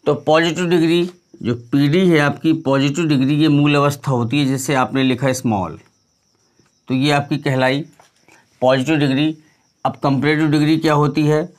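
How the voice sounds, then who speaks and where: A man's voice: on the high side, steady tone, moderate pace. A middle-aged man teaching English grammar in a video lesson, who keeps asking the viewer questions and then answers them himself. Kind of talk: explanatory classroom lesson.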